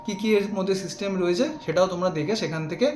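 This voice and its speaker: A motovlogger reviewing gear talks straight to his viewers in a casual, hands-on demo, explaining as he goes. His voice sits high with a darkish tone and moves very fast, recorded in an echoey room with faint background noise.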